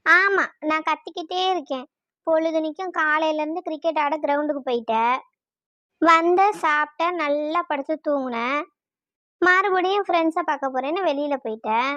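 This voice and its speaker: A bossy, sulky young wife in a cartoon, played by a woman, her voice pitched extremely high with a colloquial Tamil Nadu accent. She scolds and pleads by turns. The recording is dry and close. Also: moderate pace, sharp tone, no room sound, lo-fi sound. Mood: scolding. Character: young Tamil wife and little sister, sharp-tongued. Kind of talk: cartoon voice acting.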